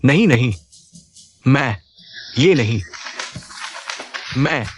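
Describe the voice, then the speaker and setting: A man's voice: medium pitch, animated, very slow, soft background music. A man voicing a cowardly old family patriarch in a drama dub, stammering and panicky. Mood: flustered.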